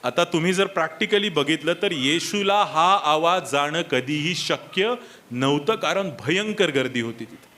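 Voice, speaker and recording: Bright, high-voiced man preaching. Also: animated, normal speed. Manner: emphatic, with rhetorical questions and repeated reminders to the listeners; switches briefly into English for key points. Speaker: pastor. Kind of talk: sermon. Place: church service.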